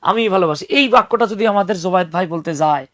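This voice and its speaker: A young man teaching spoken English in an online class, lively and teasing, explaining patiently with examples. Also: high voice, racing, dry recording, studio quality.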